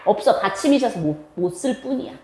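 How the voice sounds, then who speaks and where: A woman's voice: medium pitch, expressive, darkish tone, reverberant. A woman teaching Korean grammar as a lecture, chatty, asking questions and answering them herself. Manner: asks and answers her own questions in a chatty, drawn-out teaching tone. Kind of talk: classroom lecture.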